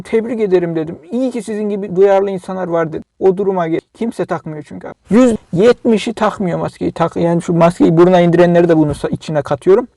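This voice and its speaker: A man's voice: high-pitched, vocal fry, warm tone, no room sound. A man vlogging an agitated, scolding rant to his viewers. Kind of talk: angry monologue to camera.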